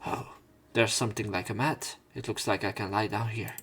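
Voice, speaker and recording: A man plays a visual novel for a let's play, voicing its narration and adding his own casual commentary, swearing in his reactions. His fairly low voice is a bit bright and slightly rough, with fairly even intonation and a moderate pace.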